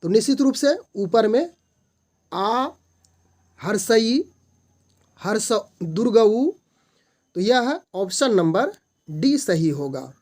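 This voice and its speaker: A slow, unhurried tutor walks through multiple-choice grammar questions one by one. Each definition comes patiently, step by step, with single letters and syllables sounded out in turn. The voice sits at a middling pitch. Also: animated, a little mellow. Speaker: online tutor.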